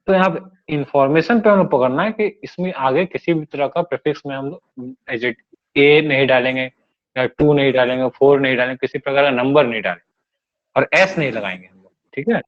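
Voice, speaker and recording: Male tutor at mid pitch, patiently walking students through grammar points and checking they follow; muffled recording. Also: animated, a little fast. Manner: explains step by step, checks understanding often. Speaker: English grammar teacher. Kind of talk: classroom grammar lesson. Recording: dull lo-fi recording.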